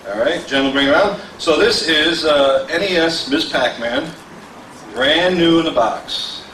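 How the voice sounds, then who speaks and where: A man's voice: on the high side, bright, forceful tone. Joking auctioneer man in an echoey hall. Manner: joking, self-deprecating banter with the crowd; rapid bid calling. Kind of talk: live auction calling. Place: large convention hall with a crowd. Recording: echoey hall, voice from far off, faint noise.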